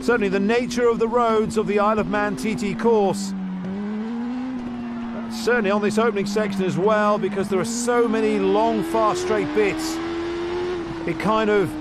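A man commentating a race lap with lively, reactive play-by-play. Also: sits high, normal speed. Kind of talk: race commentary over a video game lap. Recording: loud race engine noise behind.

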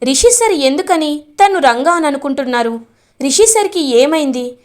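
A woman's voice: sits high, animated, moderate pace, a little mellow. A woman doing a worried, determined young woman. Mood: resolute. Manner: questioning, resolute inner voice.

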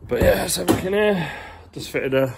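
An animated car vlogger in his twenties talks at normal speed in a fairly high, gravelly voice as he walks through a large indoor garage workshop. He records on a phone held at arm's length, chatting casually in a rambling, slangy way, and the audio is very noisy.

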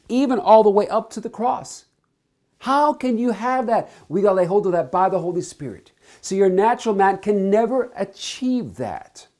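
A man's voice: sits high, a little mellow. A man preaching a sermon, earnest and emphatic, stretching out key words and leading into a spoken prayer.

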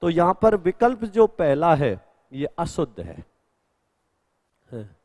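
A man's voice: a little high, sing-song, slow pace, darkish tone, long reverb tail. A male Hindi grammar teacher in a live exam-prep class, explaining answers step by step and answering students' questions.

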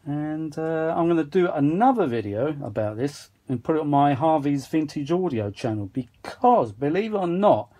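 Barely pausing, a British man with a voice on the high side keeps up a casual, self-mocking ramble at a moderate pace while doing a repair at his indoor bench. He's a vintage audio repair hobbyist and video maker, and steady machine noise runs behind him.

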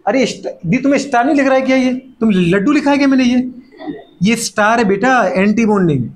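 A middle-aged man teaching chemistry to a class, firing off rhetorical questions and playfully scolding students, sometimes voicing their replies. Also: very high voice. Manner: fast repeated catchphrases and rhetorical questions. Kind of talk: classroom lecture.

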